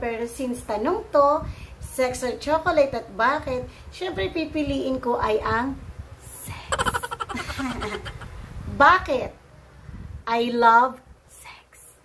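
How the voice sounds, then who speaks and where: Playful woman from the philippines doing a q&a vlog, slow talker, kinda high voice, faint hiss behind. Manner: playful, teasing, laughs often. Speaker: vlogger answering viewer questions. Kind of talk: casual Q&A vlog.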